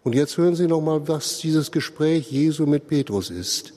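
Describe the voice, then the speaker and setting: A man's voice: a little high, lively intonation, mellow, in a large hall. A man preaching a sermon, explaining earnestly and speaking straight to his listeners. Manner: slow, earnest explaining, addresses listeners directly. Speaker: pastor.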